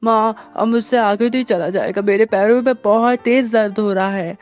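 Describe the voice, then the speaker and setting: Whiny little village boy, high and pleading, voiced by a man. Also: steady tone, close to an everyday voice. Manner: pleading, drawn-out begging.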